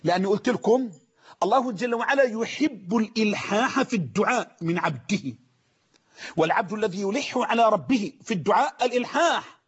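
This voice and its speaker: A man with an Egyptian Arabic accent preaching a sermon, emphatic, repeating phrases and slowly drawing out quoted sayings. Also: high-pitched, slightly rough. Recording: muffled lo-fi recording.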